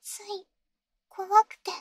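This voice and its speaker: A woman playing an insecure young girlfriend in an ASMR role-play, halting and pleading, with a sweet, eerily obsessive manner. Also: no room sound, lightly acted. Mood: fragile, apologetic. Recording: close, dry ASMR audio.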